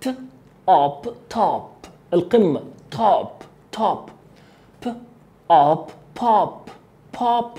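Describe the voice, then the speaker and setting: Egyptian male phonics teacher, mellow warm voice, patient repetition drills, friendly check-ins with the kid. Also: sits high, animated. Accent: Egyptian Arabic. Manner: repeats sounds slowly and drills them; friendly, coaxing questions to the learner. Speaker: English teacher. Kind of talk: phonics lesson for children.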